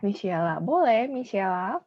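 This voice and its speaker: A woman's voice: medium pitch, expressive, a little slow, darkish tone. A woman school counselor leading a class discussion, encouraging pupils and repeating their answers back. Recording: dull lo-fi audio.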